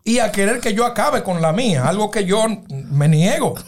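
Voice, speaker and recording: A man's voice: high-pitched, expressive, moderate pace. A man on a podcast, teasing the others and telling jokes. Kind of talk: casual chat.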